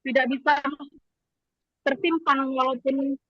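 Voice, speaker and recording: High woman's voice breaking up on a call. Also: steady tone, unhurried, no echo. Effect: video call audio breaking up. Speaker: training participant. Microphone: video call. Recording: lo-fi video call line, breaking up.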